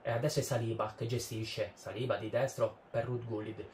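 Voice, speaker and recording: A man giving breathless, excitable play-by-play football commentary in the style of goal calls. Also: medium pitch, fairly quick. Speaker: streamer commentating a video football match. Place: indoor streaming room. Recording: roomy echo, steady background noise.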